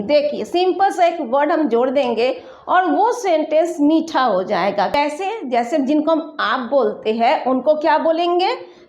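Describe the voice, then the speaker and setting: High-voiced woman teaching a language lesson. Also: a little mellow, roomy sound. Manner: patient, slow modeling of example sentences.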